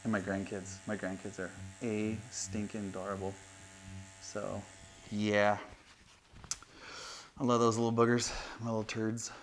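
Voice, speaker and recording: Chatty grandfather tattoo artist, lowish voice. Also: level tone, measured pace, long pauses, slight background noise. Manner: chatty, laughing storyteller. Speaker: tattoo artist and podcast host. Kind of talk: casual chat. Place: tattoo studio. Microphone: lapel mic.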